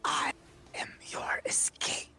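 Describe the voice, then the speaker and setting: A man voicing an ancient, menacing god of life and death in a demonic, possessed-sounding harsh whisper, slow and grandiose, during a tabletop game. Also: sharp tone. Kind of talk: tabletop game role-play.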